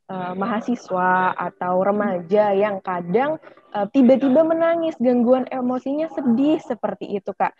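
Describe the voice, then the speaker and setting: A woman's voice: medium pitch, moderate pace, darkish tone. A woman host asking an interview guest questions politely, with small "em" fillers. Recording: dull lo-fi audio.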